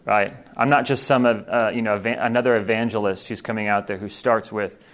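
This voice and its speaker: A man's voice: lowish voice, fairly even intonation, fairly quick, fairly bright tone. A man who grew up in Thailand, giving an earnest, informal training talk to missionaries and correcting himself as he goes.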